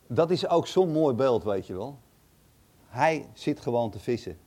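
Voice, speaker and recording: A man's voice: medium pitch, animated, measured pace, darkish tone, breathy edge. A man reading a Bible passage aloud and commenting on it casually, thinking aloud with hesitant, chatty asides. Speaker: Bible teacher.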